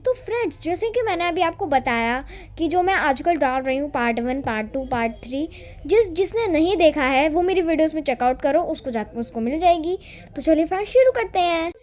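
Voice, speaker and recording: A woman hosting her own channel, introducing the next part of her drama series. She is chatty and casual and keeps circling back to the same phrases, in a very high voice. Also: expressive, brisk, darkish tone. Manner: chatty, repetitive. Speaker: channel host.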